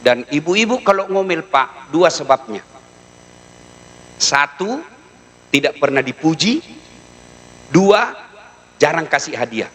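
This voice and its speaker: A man preaching a comic sermon in an animated way, now and then dropping low to mimic the people he talks about. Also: takes it slowly, pauses often. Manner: animated, mimics widows and wives in a low voice, sings snatches.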